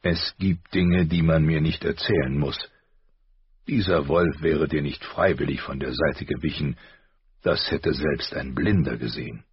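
A man voicing a grave, gentle noble father in an audiobook, slow, soft-spoken and weighty, with a husky voice. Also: rumbling low, no echo, muffled recording, heavily acted. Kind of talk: audiobook character voice.

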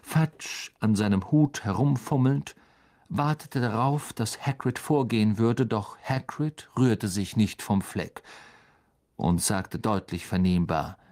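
A man narrating an audiobook in an expressive storytelling manner. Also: fairly low pitch, slow. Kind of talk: scripted narration.

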